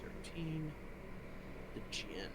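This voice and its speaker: A man's voice: fairly high pitch, lively intonation, very slow, very noisy. A man working as game master, narrating a tabletop role-playing game in an informal way. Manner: informal, with spoken sound effects. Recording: music behind the voice.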